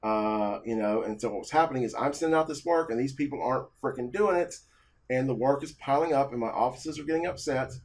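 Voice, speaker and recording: An agitated man recounting a work grievance in a mid-range voice. His talk is halting, full of restarts and repeated words. The delivery is casual and unscripted. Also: mid-range voice. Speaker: office analyst. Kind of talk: casual personal story.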